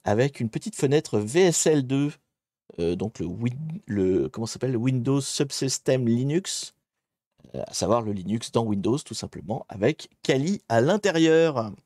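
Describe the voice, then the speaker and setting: A man's voice: medium pitch, lively intonation, moderate pace, dark tone, no room sound, clean studio sound. A man casually commenting on a live stream as he works through a hacking challenge, chatty and rambling, often correcting himself mid-sentence. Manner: chatty, rambling, self-interrupting. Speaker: livestreamer doing a hacking challenge.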